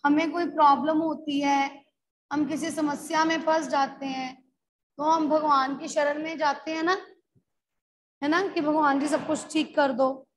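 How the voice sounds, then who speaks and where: A woman teaching a Hindi revision class. She stretches out key words slowly, calls her students "beta" and mixes English words into her Hindi. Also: sits high, steady tone. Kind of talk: online class revision lesson.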